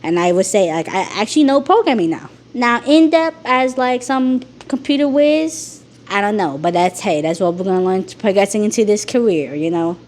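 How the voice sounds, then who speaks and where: A woman talking frankly in a rambling personal vlog, her voice rough from being sick. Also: medium pitch, animated, normal speed, few pauses, darkish tone. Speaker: YouTuber.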